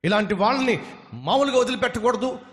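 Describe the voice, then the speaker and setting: A man voicing an angry, loudmouthed man who shouts and scolds while threatening a preacher. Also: very high-pitched, lively intonation, fast, big-room sound, voice pushed up.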